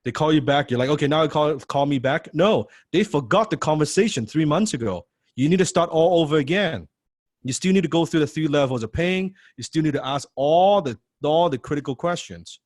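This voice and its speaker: A man teaching a sales training class, lively and full of rhetorical questions, acting out what prospects say. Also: on the high side, fairly quick, no room sound, studio quality. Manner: animated, acts out prospect replies, rhetorical questions. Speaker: sales coach.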